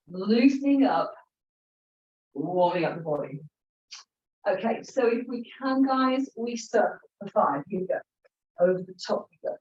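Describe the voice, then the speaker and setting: A woman teaching a Pilates class, encouraging the group as she counts reps and cues each breath. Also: fairly high pitch. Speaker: Pilates instructor. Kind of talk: guiding an exercise class. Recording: roomy, slightly dull sound.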